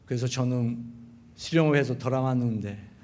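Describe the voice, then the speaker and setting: A middle-aged man with a Japanese accent, a pastor preaching a sermon in an animated storytelling manner. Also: mid-range voice, normal speed, a little hiss or hum. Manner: animated storytelling, acting out quotes of wife and sons. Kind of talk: sermon with acted family stories.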